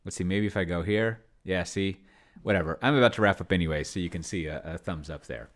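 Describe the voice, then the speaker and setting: A middle-aged man with a low voice plays a tabletop game solo at his home computer, hosting a roleplaying video. His casual commentary rambles and halts as he half mutters his thoughts, and keys clack while he types.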